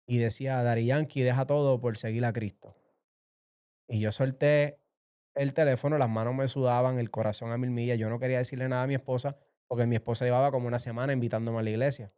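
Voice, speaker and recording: A man tells his story in an emotional, vivid way. His voice is dark and mellow yet smooth and clear, and he acts out the people he quotes. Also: medium pitch, steady tone, fast talker. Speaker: interview guest sharing testimony. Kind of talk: emotional personal testimony.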